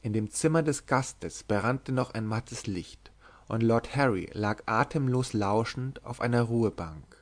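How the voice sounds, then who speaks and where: A man reading an older German novel aloud as an audiobook, in an even, measured storytelling manner. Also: mid-range voice. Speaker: audiobook reader.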